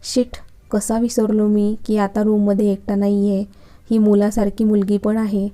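Woman reading as a young male lecturer, storybook romance, irritable, scolding, flat delivery, dark mellow tone. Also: medium pitch, moderate pace, lightly acted. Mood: irritated. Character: young male college lecturer, short-tempered.

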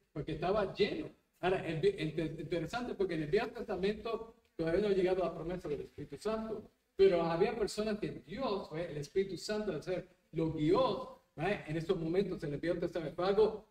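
Animated pastor, roomy distant church sound. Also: male voice, high voice. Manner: animated, mixes English words into Spanish, tag questions. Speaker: pastor leading Bible study. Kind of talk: Bible study teaching.

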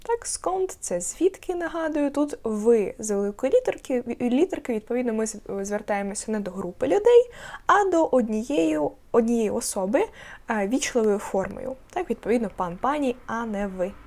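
A woman's voice: fairly high pitch, lively intonation, normal speed, a little mellow. A woman teaches a beginners' language lesson to her online students. She explains each point patiently, repeats the key words, and stretches out the example phrases so they are easy to copy.

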